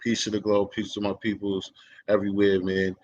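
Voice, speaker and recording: A man's voice: fairly low pitch, completely flat delivery, brisk, darkish tone, dull audio. Guy hosting a chill interview, rambly w lots of ums, bit of faint background noise. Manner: loose and rambling, many fillers. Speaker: host.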